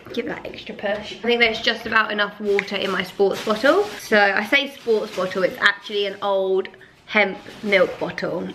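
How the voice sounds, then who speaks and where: A young woman with a slight croak from a cold, chatting upbeat in a casual vlog. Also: mid-range voice, fairly bright tone, slight background noise. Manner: chatty and upbeat, fillers like "like" and "you know". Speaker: vlogger.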